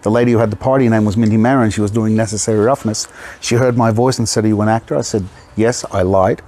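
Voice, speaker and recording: A man in his fifties from Australia, an actor telling stories in a relaxed outdoor interview with a lapel mic. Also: fairly low pitch, fast. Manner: relaxed storytelling, laughs often. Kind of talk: casual interview. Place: outdoor garden.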